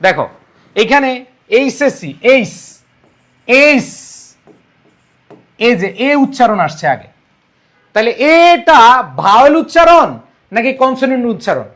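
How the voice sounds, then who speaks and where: High-voiced man teaching exam English. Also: big pitch swings, a little slow, long pauses, a bit bright. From Bangladesh. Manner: coaxing, calls students "bhai" and "bhaiya", repeats rules. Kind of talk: online exam-prep lesson.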